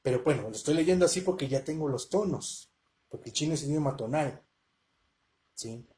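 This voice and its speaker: A man's voice: a little high, lively intonation, normal speed, dark tone. A man hosting a live question-and-answer language lesson, talking casually and often checking in with his listeners. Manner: conversational, checks in with rhetorical questions.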